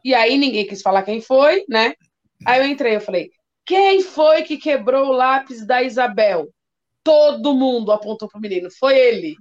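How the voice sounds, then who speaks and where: A woman's voice: fairly high pitch, expressive, normal speed. A woman who works as a school coordinator, chatting casually and animatedly acting out children's voices as she tells stories. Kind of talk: casual storytelling chat. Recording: dull lo-fi sound.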